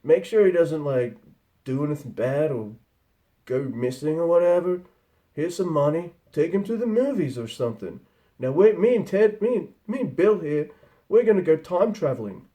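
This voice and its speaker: A man's voice: fairly high pitch, lively intonation, normal speed, warm tone, voice pushed up, close to an everyday voice. A man putting on the voice of a carefree teenage slacker with a breezy surfer-style drawl. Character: laid-back teenage slacker dude, carefree.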